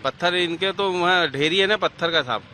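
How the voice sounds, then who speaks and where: A man, speaking as an eyewitness in an outdoor street interview, retelling events in a halting, agitated way with restarts. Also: sits high, crowd noise. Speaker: eyewitness who filed the complaint. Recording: faint street noise outdoors.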